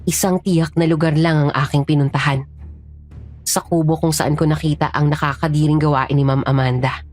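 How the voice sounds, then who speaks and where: A woman giving scripted first-person narration of a horror story, serious and steady. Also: deep voice, moderate pace, faint music behind.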